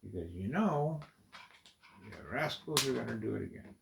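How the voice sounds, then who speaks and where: A man's voice: medium pitch, animated, normal speed, gravelly, noisy background. A man building a model on video, counting pieces under his breath and playfully scolding them as rascals. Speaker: video creator. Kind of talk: building vlog, talking to himself.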